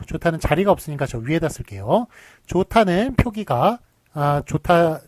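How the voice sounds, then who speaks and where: A man's voice: a little high, a little hiss or hum. A man giving a recorded university lecture, explaining step by step, asking rhetorical questions and using many fillers.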